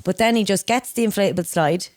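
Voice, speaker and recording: A woman's voice: medium pitch, fast, no room sound, studio quality. A young Irish woman co-hosting a casual podcast, telling crude, rambling stories with a laugh. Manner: lively storyteller, crude banter, frequent laughs. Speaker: podcast co-host. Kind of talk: casual chat.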